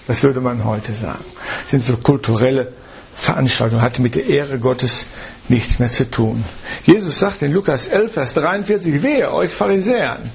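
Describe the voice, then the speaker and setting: A man's voice: high voice, vocal fry, slightly rough. A man preaching a sermon in a church, reading Bible verses and explaining them with rhetorical questions.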